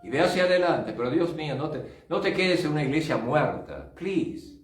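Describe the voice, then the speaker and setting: A man's voice: fairly high pitch, very animated, moderate pace. An older male pastor giving a fervent sermon testimony, dropping in short English asides. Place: church. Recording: roomy church sound, distant mic, faint music.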